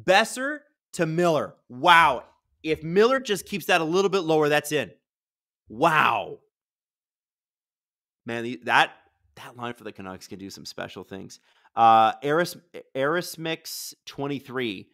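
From a studio, a livestream host in his thirties runs a relaxed live watch-along with a booming voice. He talks with his viewers and now and then launches into excited play-by-play.

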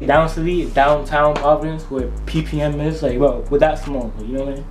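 A man's voice: on the high side, fairly even intonation, fairly quick. A young man chatting casually to camera in heavy slang, peppering his talk with bro, yo and like. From Rhode Island, United States. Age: young adult. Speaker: vlogger. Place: indoors, home room. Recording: echoey room, music behind.

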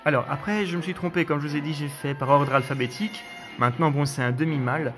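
Relaxed man with many fillers. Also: on the high side, quick pace, soft background music. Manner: relaxed, hesitant, frequent fillers. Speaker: video host reviewing his collection. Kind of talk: casual spoken review.

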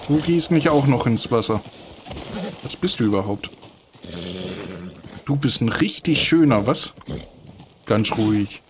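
A man narrates his gameplay in a casual let's play style, talking to the in-game horses and cursing when things go wrong. He speaks slowly at a middle pitch. Game audio with clopping hooves is heard clearly behind him. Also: expressive, background noise. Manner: chatty, talks to the horses, bursts of frustrated cursing.

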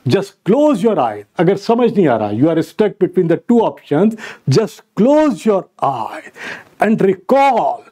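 North indian guy teaching exam prep, highish voice that swings up n down, repeats stuff for emphasis. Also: big pitch swings, normal speed, mellow, breathy edge. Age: middle-aged. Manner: didactic, repeats key phrases for emphasis; switches between English and Hindi. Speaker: medical exam lecturer. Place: indoor studio in front of a slide screen.

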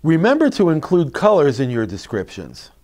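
Addressing parents from an indoor classroom, a middle-aged man gives reading tips, narrating instructions and demonstrating reading aloud with expression. His voice is a little high with a very varied melody, his pace moderate, and his phrasing emphatic and clear; a lapel mic captures him.

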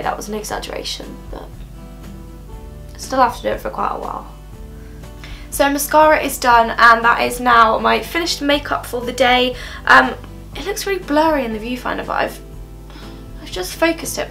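With a fairly high, gravelly voice that's bright and forceful, a young beauty vlogger talks at normal speed through a makeup tutorial in her bedroom, faint music behind. She rambles casually with lots of "um", a bit nasal from a cold, filmed by a camera at close range in front of her.

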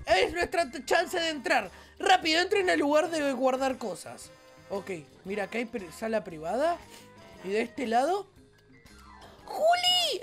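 Excitable high-voiced Rioplatense woman gamer. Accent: Rioplatense Spanish. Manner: excitable, playful, exclamatory. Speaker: gaming channel host. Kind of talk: Let's Play commentary.

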